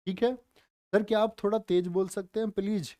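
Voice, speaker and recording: Slow, patient man teaching exam facts. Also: sits high, fairly even intonation, mellow, dry recording, clean studio sound. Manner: slow, deliberate, repeats facts and quizzes viewers; calls viewers "dear children", joking asides. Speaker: online exam-prep teacher. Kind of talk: live-streamed general knowledge class.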